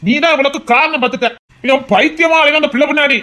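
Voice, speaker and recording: An actor playing a stern middle-aged father who scolds his son about marriage in a fast, insistent voice. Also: very high-pitched, fairly even intonation, bright, forceful tone. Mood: scolding. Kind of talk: amateur audio drama.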